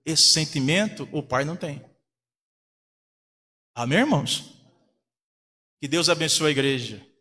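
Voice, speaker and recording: A man's voice: a little high, lively intonation, measured pace, pauses often, bright, forceful tone, breathy edge, long reverb tail. A man, a pastor from Brazil, preaching a sermon in a church, telling a family story and acting out the voices of the people in it. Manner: storytelling, acts out quoted voices. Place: church hall.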